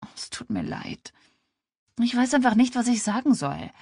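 A woman reading an audiobook, voicing a calm, pragmatic female friend who speaks in a soothing, gentle way. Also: on the high side, normal speed, breathy edge, no room sound, studio quality, pitched above the performer's own voice, full character voice.

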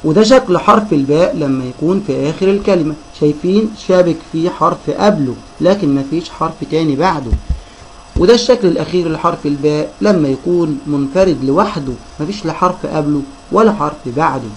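A man with an Egyptian Arabic accent teaching a children's reading lesson, sounding out syllables slowly and addressing the kids as friends. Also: fairly high pitch, a little hiss or hum, rough recording.

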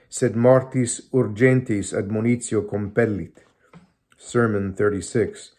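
A man in his fifties reading old sermons aloud at home, measured and solemn, dropping his voice for scripture citations. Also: fairly low pitch, a little mellow. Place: small room at home, indoors. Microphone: phone or webcam close in front.

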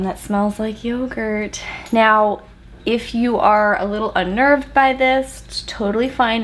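A woman in her thirties cooks in her home kitchen and talks to the camera, explaining every step of a casual tutorial for her homesteading cooking channel. Her voice is a little high. The recording is rough, with slight background noise.

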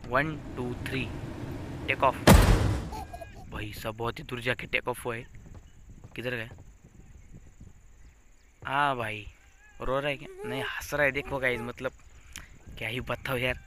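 A man's voice: medium pitch, fairly even intonation, a little slow, pauses often, noisy background. A young man giving casual, joking gameplay commentary as a gaming YouTuber, teasing the baby on screen.

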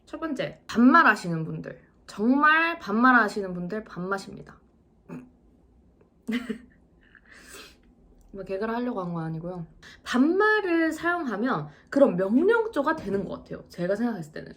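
A woman in her twenties telling a vlog story about her service job, acting out customers' lines in an animated way. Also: a little high, normal speed. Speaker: vlogger, service worker. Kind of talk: casual storytelling to camera.

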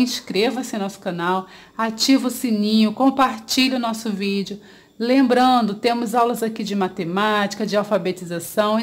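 A woman with a Brazilian Portuguese accent teaching a children's grammar lesson, drawing out syllables, asking pupils questions and praising their answers. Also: fairly high pitch.

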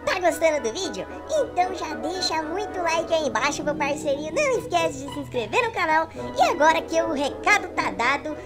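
Chirpy high sidekick, voiced by a performer, sing-song promo bumper. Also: animated, fairly quick, hardly any pauses, music in the background.

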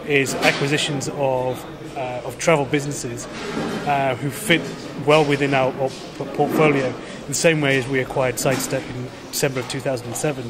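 A man in his thirties, a company executive giving a conference interview in a measured, polished way, often restarting words. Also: mid-range voice, fairly even intonation, over a noisy crowd. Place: large indoor conference hall. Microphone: handheld camera close to the face.

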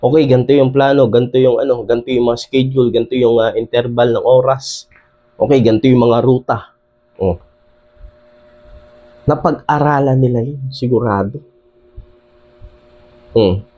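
A man with a Filipino accent giving casual political commentary, animated and full of rhetorical questions addressed to his viewers. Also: mid-range voice, normal speed, long pauses.

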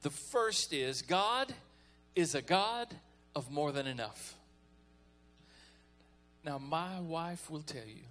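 A man's voice: fairly high pitch, fairly bright tone. A man preaching a folksy, conversational sermon as pastor, calling on the congregation to respond.

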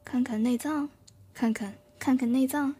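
A woman's voice: high-pitched, fairly even intonation, unhurried, dark tone, husky, voice pushed down. A woman trying a haughty, aloof grown-up lady voice. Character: haughty mature adult woman.

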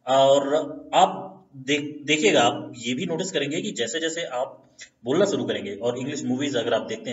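A man's voice: medium pitch, far from the mic. A man hosting a casual lesson, explaining step by step and mixing English phrases into his talk, often checking in with his listeners. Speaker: channel host giving advice. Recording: echoey room, set back from a dull mic.

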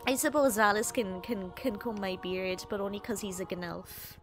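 A woman streams a game and teases her chat playfully, sounding sniffly and swearing freely in casual livestream talk. Her voice is medium-pitched at a normal speed, with faint music behind her.

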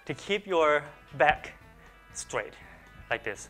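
A man's voice: on the high side, sing-song, drawn-out words, fairly bright tone, soft background music. A young adult man with a Thai accent working as a fitness trainer, patiently explaining exercises step by step in two languages. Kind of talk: instructional explanation.

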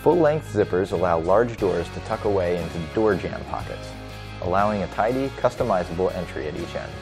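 A man reading a scripted promotional voice-over with a smooth, polished delivery. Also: deep voice, expressive, brisk. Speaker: product narrator. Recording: voice-over with light music underneath.

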